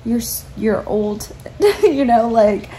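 Her pitch fairly high and her delivery animated yet slow, a woman in her twenties chats from bed into an arm's-length phone camera. This vlogger's casual confession about her life is reflective, meandering and soft-spoken, and the audio is poor with slight background noise.

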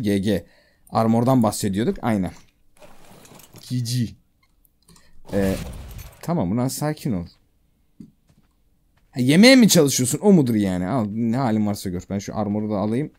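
Excitable man with lively swings in pitch. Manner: excitable, slangy, talks to the game creatures. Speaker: gamer streaming a survival game. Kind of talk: casual gameplay commentary.

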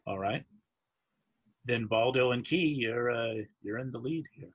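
A man narrating as dungeon master, talking in halting bursts with many restarts and easy laughter. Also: mid-range voice, breathy edge, lo-fi sound. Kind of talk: narrating a tabletop game.

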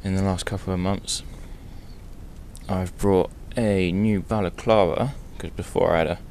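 A young man with a low voice talks in an offhand, chatty way, as in a casual motorcycle vlog. He is hungover and walking through his gear. The helmet-camera recording has a faint rumbly noise behind him. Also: fairly even intonation, measured pace, a little mellow. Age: young adult. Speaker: motorcycle vlogger. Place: small bedroom indoors.

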